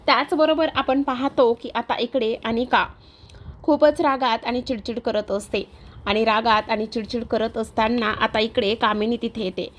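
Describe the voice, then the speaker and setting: A woman narrating an episode of a TV serial in a steady storytelling manner. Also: on the high side, normal speed.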